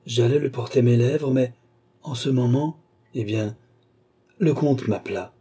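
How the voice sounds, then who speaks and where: Entranced young noblewoman, dreamy and halting, voiced by a man with a husky tone, audiobook. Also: mid-range voice, mellow, voice pushed up. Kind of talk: audiobook character reading.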